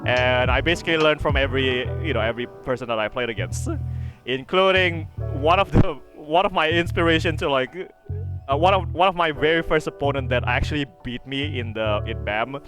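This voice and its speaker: A man's voice: medium pitch, fairly quick, over music. A man guesting on a podcast, chatting casually, laughing often and swearing freely, with lots of restarts as he tells his stories. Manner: stumbles and restarts when telling stories. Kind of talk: casual chat.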